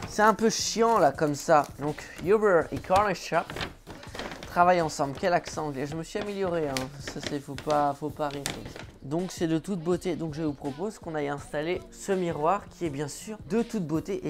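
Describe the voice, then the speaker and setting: A man from France chats to his viewers from home in a loose, joking vlog. He sounds offhand and playful. Soft music plays faintly behind him. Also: a little high. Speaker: vlogger. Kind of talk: casual vlog chat. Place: at home indoors.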